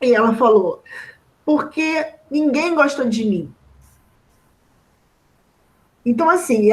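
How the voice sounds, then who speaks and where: A woman's voice: sits high, low-quality recording. Emotional Brazilian woman telling a story. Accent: Brazilian Portuguese. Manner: emotional, close to tears at times; conversational, many fillers and tag questions. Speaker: teacher. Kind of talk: personal story in a discussion.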